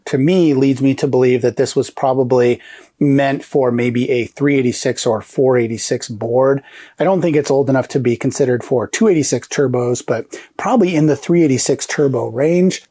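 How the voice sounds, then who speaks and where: A host in his forties runs a casual retro computer show, chatty and upbeat with loose fillers. His medium-pitched, moderately paced voice is dark and husky, a little nasal and congested from a recent illness.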